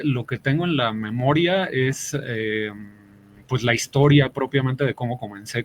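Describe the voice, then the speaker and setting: A man's voice: medium pitch, a little hiss or hum. A man in his forties with a Mexican accent, a podcast guest telling long stories with many fillers. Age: 40s. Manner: rambling storyteller, many fillers. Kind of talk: podcast interview.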